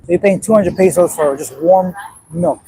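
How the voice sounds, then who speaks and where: Reading viewer comments on a relaxed livestream, a man from Afghanistan in his late thirties rambles bluntly. He has a high, warm voice and a moderate pace, captured on a low-quality recording with slight background noise.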